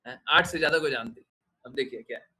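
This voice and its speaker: Guy giving a devotional talk, bright cutting voice, keeps asking questions and scolding. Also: medium pitch, fast talker, breathy edge. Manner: scolding, questioning, mixes English phrases. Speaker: spiritual teacher.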